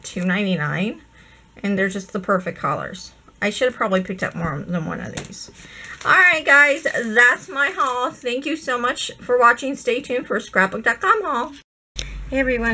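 A woman who is losing her voice chats at her desk in a casual haul video, gushing over craft supplies with lots of ums. She's a crafting vlogger with a medium-pitched, slightly bright voice. The recording is rough, with a little hiss or hum.

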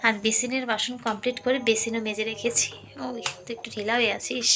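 A woman's voice: fairly high pitch, level tone, fairly quick, sharp tone. A woman vlogging casually on a handheld phone, chatting straight to her viewers as friends. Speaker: lifestyle vlogger. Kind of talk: casual vlog narration. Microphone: handheld phone camera.

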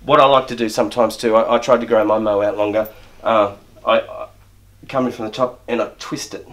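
Middle-aged barber talking through a shave. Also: male voice, lowish voice, fairly even intonation, brisk, fairly bright tone. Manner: explains while working, frequent restarts and repeated words. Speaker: barber and shop owner. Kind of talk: step-by-step grooming demonstration. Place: indoor barber shop.

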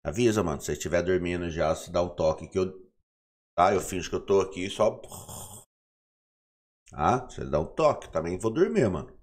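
A man's voice: low voice, animated, brisk, long pauses. A young Brazilian man teaching a casual live online class, playful and chatty, greeting viewers by name, sounding sleepy. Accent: Brazilian Portuguese.

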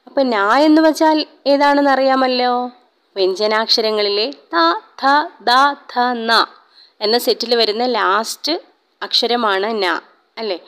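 A woman's voice: on the high side, a bit bright. A woman teacher with a Malayali accent giving a children's alphabet lesson, coaxing her young pupils with questions. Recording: echoey room.

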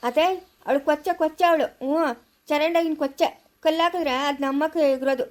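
A woman's voice: high voice, fairly even intonation, a little fast, natural voice. A woman with a rural Chikkaballapura Kannada accent playing a young village woman gossiping scornfully about a relative.

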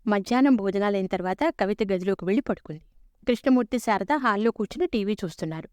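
Clear-voiced woman reading a story. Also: medium pitch, fast, a little mellow, dry recording, studio quality. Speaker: story narrator. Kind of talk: scripted story narration.

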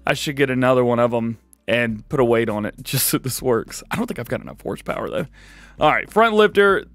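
A man's voice: medium pitch, animated, brisk, fairly bright tone, no room sound. A man hosting a farming game let's-play, chatting upbeat with laughs and self-corrections. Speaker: gaming channel host.

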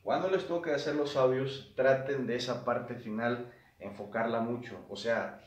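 A man teaching English to children, repeating words slowly and patiently in a classroom-lesson style. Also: medium pitch, fairly even intonation. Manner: slow, repetitive drilling of words. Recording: roomy, distant from the mic.

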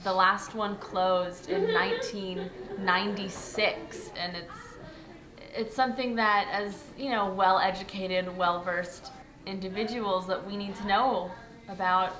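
A woman's voice: mid-range voice, lively intonation, unhurried, crowd noise. A young woman, an actress, answering interview questions earnestly, with many fillers. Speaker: actress interviewed about a play. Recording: echoey room with faint ambience.

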